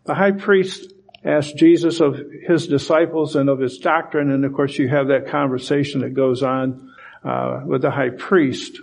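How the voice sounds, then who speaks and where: A man's voice: medium pitch, fairly even intonation, unhurried, vocal fry, a little mellow. A man preaching a sermon, reading scripture aloud and explaining it with emphasis. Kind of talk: sermon Bible teaching.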